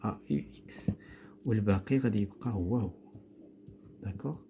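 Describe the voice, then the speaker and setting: Male teacher with a Moroccan accent, mellow tone, patient, spells words out and quizzes his pupil. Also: on the low side, very fast, a little hiss or hum. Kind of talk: recorded classroom grammar lesson.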